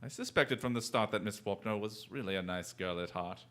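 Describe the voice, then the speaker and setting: A man playing Sherlock Holmes, a shrewd, self-assured English gentleman detective, in theatrical radio drama style with urbane, courteous phrasing. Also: on the low side, brisk, lightly acted. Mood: smug, amused.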